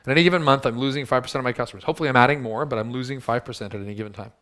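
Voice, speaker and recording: Male workshop speaker, quick delivery, punchy and teasing with the audience. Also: medium pitch, fairly bright tone. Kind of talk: live workshop talk.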